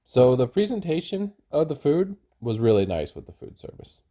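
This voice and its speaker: A man narrating a travel review casually, in a plain, low-key, informal way. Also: very animated, normal speed, mellow. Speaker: travel vlogger.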